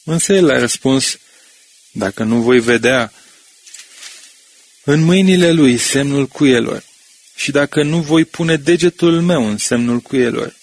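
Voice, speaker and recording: Husky guy reading scripture, slow and steady. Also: mid-range voice.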